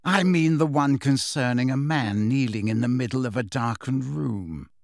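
A man voicing a cold, sneering middle-aged male potions master who talks in a slow, low, menacing drawl. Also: creaky, no room sound, clean studio sound, natural voice. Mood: cold probing.

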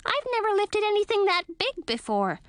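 A fretful female bat with a shrill, squeaky voice that sits far above normal speech. She grumbles and fusses in a high, complaining tone. The recording is dry and close. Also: big pitch swings, normal speed, a bit bright, no room sound, exaggerated voice. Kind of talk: audiobook character voice.

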